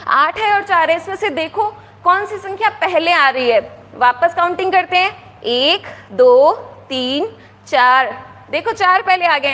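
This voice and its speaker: A woman teaching counting to young children in a coaxing way, asking if they follow and counting aloud slowly. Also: very high-pitched, pushed and bright, big-room sound. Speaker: primary school teacher. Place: classroom with a board.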